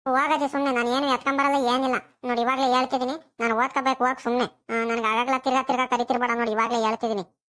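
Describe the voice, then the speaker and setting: A woman's voice: sits high, level tone, fast, a bit bright. A woman voicing a whiny, complaining schoolboy grandson.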